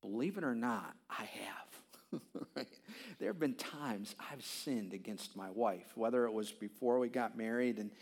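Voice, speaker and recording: A man in his fifties preaching a conversational sermon as a pastor, telling stories with animated swings and frequent halting restarts. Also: medium pitch, vocal fry, a little hiss or hum. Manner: animated storytelling, voice leaps up when reenacting his own pleas; halting restarts and repeated words.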